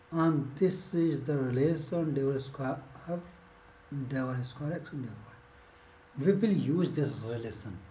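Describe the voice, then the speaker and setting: A man teaching a maths lesson step by step, dictating notation symbol by symbol in short, halting phrases. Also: a little high, a little mellow, slight background noise. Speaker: mathematics teacher. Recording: echoey room, dull muffled sound.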